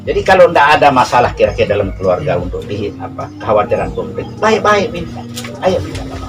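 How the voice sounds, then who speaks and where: A man explaining a local custom in casual storytelling, acting out quarrelling relatives in lively voices. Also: medium pitch, fast, distant mic, over music, poor audio.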